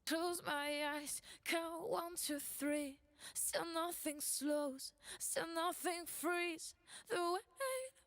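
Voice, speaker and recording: A woman singing slowly, her voice dreamy and distant with a wash of reverb, played back from a track. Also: extremely high pitch, fairly bright tone. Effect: dreamy distant voice drenched in reverb. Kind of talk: slow sung vocal played back in a mix. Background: faint music.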